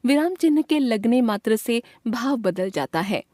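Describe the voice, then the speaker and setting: A woman reading a grammar lesson aloud from a textbook in a clear, measured way, voicing the example sentences with expression. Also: fairly high pitch, expressive, a little mellow, dry recording, studio quality.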